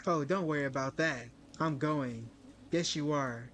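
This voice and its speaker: A man's voice: a little high, measured pace, fairly bright tone, slight background noise. Dude doing a stern chilly woman from a story game, short clipped lines. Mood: cold.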